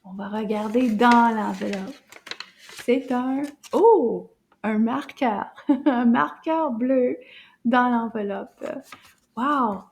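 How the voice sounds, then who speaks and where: A woman teaching a French lesson to children, pronouncing each word slowly and encouragingly. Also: sits high. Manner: slow, drawn-out enunciation for learners; animated, encouraging teacher talk.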